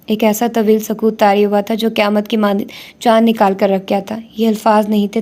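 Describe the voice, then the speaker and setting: A woman narrates a romance novel in a steady, even reading voice. Her pitch stays flat and narrow. Her tone is dark and mellow. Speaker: audiobook narrator.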